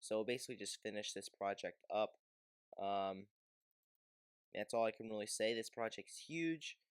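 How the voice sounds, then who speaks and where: A man with a fairly low, smooth voice hosts a gaming video, commenting casually at normal speed. He rambles and hesitates as he explains things. The recording is dry, with no room sound.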